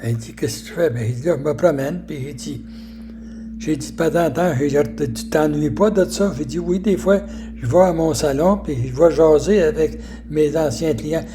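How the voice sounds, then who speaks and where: Rambling elderly Québécois man, mellow voice. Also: a little high, faint music behind. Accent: Québécois French. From Quebec. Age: 80s. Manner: rambling, halting, many fillers and restarts. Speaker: storyteller recounting his life. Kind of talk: casual life storytelling.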